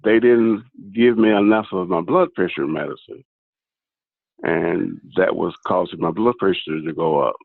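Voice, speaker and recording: Gravelly low man on a phone line. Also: dry recording. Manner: halting, many fillers and restarts. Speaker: caller giving a testimony. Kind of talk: casual spoken testimony. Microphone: phone call into a video meeting. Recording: dry tinny phone line.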